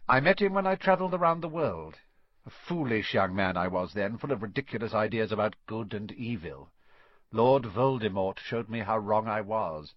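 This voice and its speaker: A man's voice: fairly low pitch, animated, normal speed, no echo. A man voicing a scheming male wizard teacher, cold and servile, in an audiobook reading. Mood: fearful, devoted. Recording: dull lo-fi dry recording.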